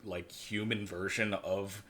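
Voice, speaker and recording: A man's voice: lowish voice, little pitch movement, takes it slowly, fairly bright tone. A man co-hosting a casual movie-review podcast, rambling and sarcastic with lots of fillers. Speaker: podcast co-host.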